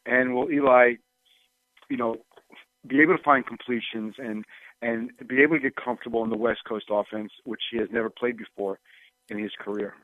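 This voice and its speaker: A man speaks over a thin, tinny phone line as a sportswriter guest on a call-in show. His voice sits at an ordinary middle pitch and sounds dry and close. He talks in a loose, hedging way, full of "you know" and "um". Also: fairly even intonation, a little fast, no echo. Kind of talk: casual call-in chat.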